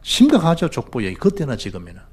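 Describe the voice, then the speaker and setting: A male pastor with a Gyeongsang accent preaching a sermon in church, swinging between loud exhortation and hushed asides. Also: mid-range voice, huge pitch swings, quick pace, husky. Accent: Gyeongsang Korean.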